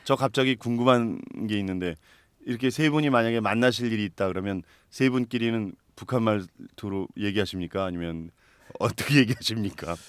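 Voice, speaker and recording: A man's voice: on the low side, fairly quick, clean tone, no room sound. A man hosting a talk show, introducing guests and putting questions to them. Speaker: host.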